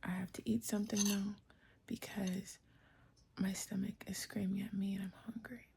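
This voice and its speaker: A woman with a thick, muffled voice from a sore, swollen throat, often breathy and close to a whisper, talking haltingly and casually as in a personal video diary. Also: medium pitch, flat delivery, darkish tone. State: sore swollen throat after tonsil surgery, effortful and tired. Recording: clear background noise.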